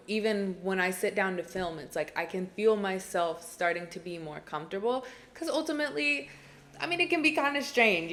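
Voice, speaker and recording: A young woman in her twenties records a casual advice vlog alone in a small room. Her voice sits at an ordinary mid-range pitch. She talks earnestly and chattily, often repeating phrases to drive a point home. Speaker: influencer giving advice.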